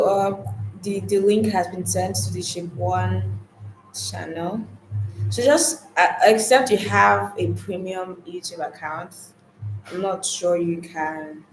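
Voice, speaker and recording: A woman's voice: fairly low pitch, fairly even intonation, slow pace, background noise. A woman teaching a live online class on goal setting in a casual, chatty way, often restarting and repeating her words. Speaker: online course instructor. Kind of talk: live-streamed lesson, casual. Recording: roomy, faint ambience.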